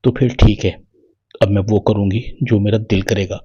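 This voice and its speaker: Defiant young woman in a story recap, read by a guy, low husky plain read. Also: fairly even intonation, mellow, lo-fi sound.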